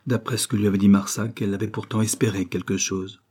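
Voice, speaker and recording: A man reading a novel aloud in steady, measured narration. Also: fairly low pitch, breathy edge. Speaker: audiobook reader.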